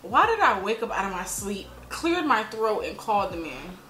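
A woman in her mid-twenties tells a story on a podcast in a relaxed, chatty way. Her voice sits at an ordinary middle pitch. A roomy echo hangs around her with a faint hiss underneath. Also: moderate pace. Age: 20s. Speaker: podcast co-host. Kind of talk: casual chat.

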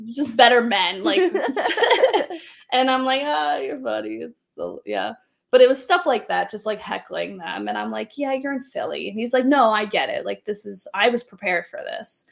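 Pregnant woman, 30s, slightly high voice, casual rambling co-host who laughs a lot. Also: big pitch swings, measured pace, vocal fry. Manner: chatty, laughs often, trails off into fillers. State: pregnant, tires quickly. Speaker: podcast co-host. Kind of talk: casual chat.

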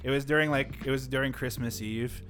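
A man co-hosts a casual podcast and tells a work story in a loose, rambling way. He keeps saying "like" and acts out what other people said. Faint music plays underneath, and his pitch sits in the middle. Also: steady tone, fairly quick, a bit bright. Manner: rambling, many "like" fillers, acts out quotes. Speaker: podcast co-host. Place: live-streamed podcast setup.

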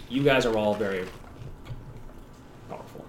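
A man's voice: fairly low pitch, fairly bright tone. A man working as game master, narrating a tabletop game with casual asides. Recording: roomy, distant mic with background noise.

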